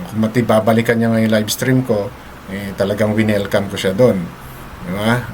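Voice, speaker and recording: A man with a medium-pitched voice hosts a live stream amid very heavy noise. He's chatty and laughs often, blending English into Tagalog and repeatedly finishing lines with "no?"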